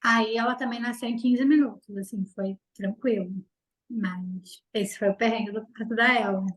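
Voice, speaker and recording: A woman's voice: fairly high pitch, fairly even intonation, moderate pace. A Brazilian woman in her thirties on a podcast, telling a story casually and animatedly, acting out quoted dialogue with lots of fillers. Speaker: podcast guest.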